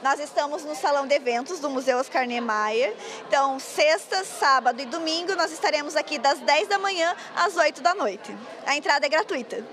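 A woman's voice: high voice, expressive, fairly quick, a bit bright, a faint crowd, slight background noise. A woman, fluently explaining her work in a live news interview at an indoor fair. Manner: fluent, explanatory, occasional stumbles. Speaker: agro-industry coordinator interviewed. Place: busy indoor food fair. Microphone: handheld reporter mic.

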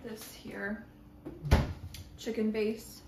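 A woman's voice: on the high side, flat delivery, drawn-out words. A young woman talking casually through a cooking vlog, narrating each step with frequent ums. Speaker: cooking vlogger. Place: home kitchen. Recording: echoey kitchen with sizzling noise.

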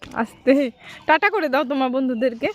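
A woman's voice: sits high, brisk, fairly bright tone, a little hiss or hum. A woman chatting with her young daughter in a casual home vlog on a rooftop, asking patient, coaxing questions with frequent hesitations.

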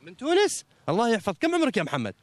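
With an extremely high pitch and rapid-fire delivery, a man hosting a TV show offers a brief religious talk before bantering with kids in a mosque courtyard. The recording has no room sound, and the segment is a religious talk and quiz for the audience, delivered in a lively, teasing, chatty way.

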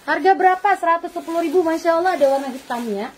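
A woman's voice: extremely high pitch, fast, a little mellow, a little hiss or hum. A woman presenting dresses in a clothing shop during a playful live-selling video, laughing often and calling her customers "Bunda". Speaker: online clothing seller.

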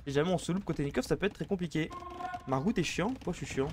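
Fast excitable esports caster. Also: male voice, on the high side, background noise. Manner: excitable, fast, chatty, banters with chat. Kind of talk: live game commentary.

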